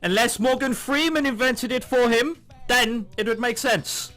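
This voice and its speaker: A let's play host reads a visual novel aloud, tossing in sarcastic asides and swearing. His voice is very high-pitched, pushed, and bright, and he takes his time. Music plays in the background.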